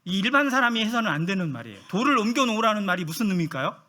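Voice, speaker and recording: A man preaching a sermon. His voice is high and bright, and it swings up and down a lot. He keeps asking the listeners questions and acts out the people he quotes. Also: big pitch swings, racing.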